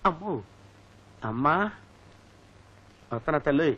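A man's voice: on the high side, lively intonation, unhurried, fairly bright tone. An actor playing a cowardly, sly male servant in a slapstick film comedy, with a whiny, yelping, mocking way of talking. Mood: grumbling. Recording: dull lo-fi film audio with music.

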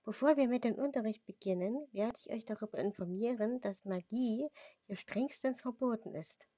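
A woman's voice: on the high side, normal speed, warm tone, dry recording, natural voice. A woman voicing a sugary, strict older female teacher in a read-aloud story, speaking in a sweet, formal and controlling way. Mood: sweetly strict.

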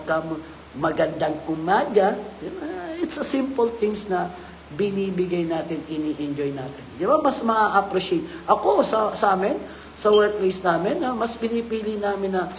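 A man with a Filipino accent giving a safety training talk as a safety officer, lively, swinging between loud emphasis and quiet asides, mixing Filipino and English. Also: high voice, moderate pace, slight background noise, poor audio.

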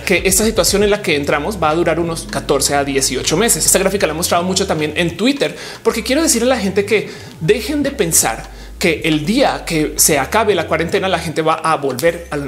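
A woman in her thirties talking to camera in an informal explainer vlog, chatty and animated, with slang fillers, recorded in a small home studio. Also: sits low. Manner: fast, animated, with lots of hand gestures. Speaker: vlogger. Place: indoor home studio with bookshelves.

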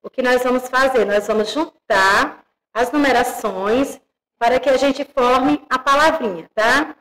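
A Brazilian woman teaching young children, spelling out syllables slowly and checking in with the class. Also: sits high, fairly bright tone, rough recording. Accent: Brazilian Portuguese. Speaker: primary school teacher.

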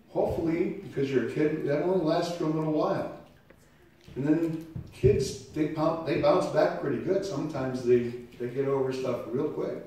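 A male pastor with a head cold, preaching conversationally and swinging between loud emphasis and quiet, low passages. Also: a little hiss or hum. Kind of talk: sermon. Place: church sanctuary. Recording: echoey church from far off.

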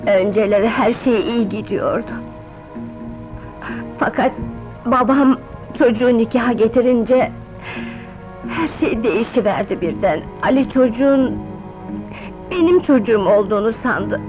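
A despairing young wife. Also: female voice, fairly high pitch, animated, a little slow, long pauses. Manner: hopeless, tearful. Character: despairing young mother cast out by her husband. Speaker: film character. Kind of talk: dubbed 1970s film acting. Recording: dull old film soundtrack with music.

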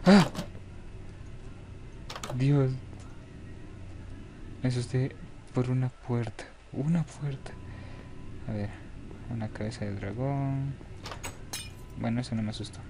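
A young Mexican man narrates a horror game to himself, jittery and muttering. His pitch stays flat and narrow. The recording carries a steady noisy hiss. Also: normal speed. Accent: Mexican Spanish. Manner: jittery, begging, talks to himself. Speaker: gaming YouTuber.

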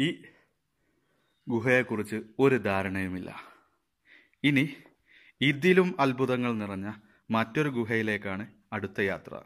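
Bright-voiced man guiding through caves. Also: mid-range voice, dry recording. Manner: cautioning, guiding while walking. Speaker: travel vlogger. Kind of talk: on-location vlog commentary. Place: outdoors in rocky forest caves.

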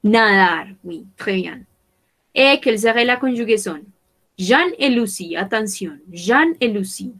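Slow, careful French teacher woman. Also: mid-range voice, lively intonation, a bit bright. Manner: slow, careful, repeating words for students. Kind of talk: bilingual online class, French and Spanish.

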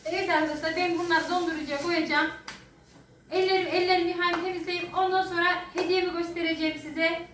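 A middle-aged woman vlogging casually at home to her followers, talking in a loud, booming way. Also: flat delivery, fast, slight background noise. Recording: echoey room, distant mic.

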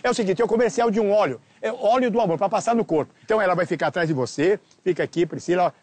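A Brazilian man plays a frantic commercial director in a hidden-camera prank. His voice sits high and his words tumble out fast. He repeats orders over and over and raises his voice to call out cues, out in the open street air. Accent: Brazilian Portuguese. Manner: pushy, urgent, shouts cues, repeats himself. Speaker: prank show actor posing as commercial director.

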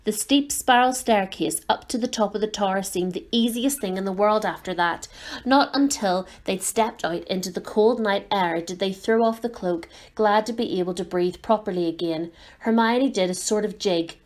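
Woman storyteller, children's novel read aloud, clear, steady, expressive, middle pitch. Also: moderate pace.

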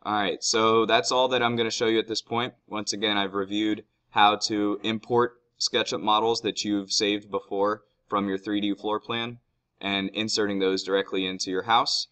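A man teaching, calmly walking students step by step through a screen-recorded software tutorial at his computer. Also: lowish voice, moderate pace, clear, resonant tone. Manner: calm step-by-step explaining.

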